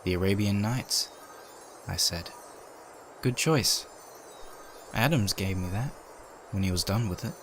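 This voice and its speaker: In a fairly low voice, a man reads a scripted story as its narrator, dramatic-audiobook style, keeping a measured pace and pausing often. Behind him there's steady ambient noise.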